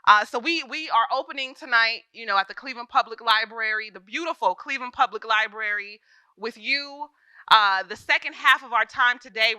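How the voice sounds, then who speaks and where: A woman's voice: fairly high pitch, pushed and bright, clean tone, no room sound. A woman moderating a panel conversation, effusive and exclamatory. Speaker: host and moderator.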